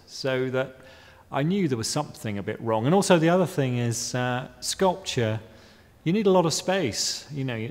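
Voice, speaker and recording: A man in his fifties from Guyana, an artist giving hesitant, wry interview answers with many ums and restarts. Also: medium pitch. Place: art gallery exhibition space. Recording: reverberant room.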